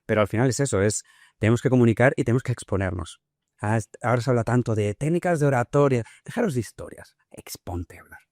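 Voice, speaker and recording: A man's voice: mid-range voice, fast, darkish tone, dry recording, studio quality. A man with a Spain Spanish accent, a guest on an interview podcast, giving advice in a confident, emphatic way. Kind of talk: conversational interview.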